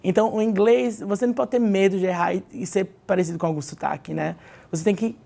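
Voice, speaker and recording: A Brazilian woman who teaches English appears as a guest in a TV studio interview, giving advice in an explanatory manner and frequently ending points with "né?". She has a Brazilian Portuguese accent and a mid-range, creaky, dark voice, with fairly even intonation and a quick pace.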